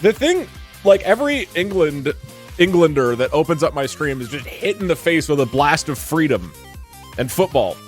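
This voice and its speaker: A man with a slightly high voice streams from a green screen setup through a desk mic, soft music playing in the background. He's animated and rambling at a moderate pace, reacting to viewer comments with frequent restarts and fillers.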